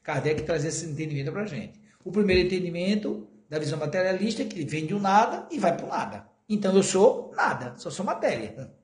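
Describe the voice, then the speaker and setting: A man's voice: sits high, expressive, fairly quick, a little mellow, reverberant. A man with a Brazilian Portuguese accent giving a conversational spiritist lecture, often asking the audience questions and joking with them.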